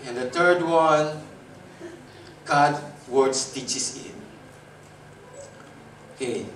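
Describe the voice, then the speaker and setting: Filipino male preacher, slightly high voice, lively and laughing, miked from afar in a roomy church. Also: drawn-out words, a little hiss or hum. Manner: animated, jumps in pitch and loudness, laughs often. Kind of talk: Taglish sermon. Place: church worship service. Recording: echoey hall, from a distance.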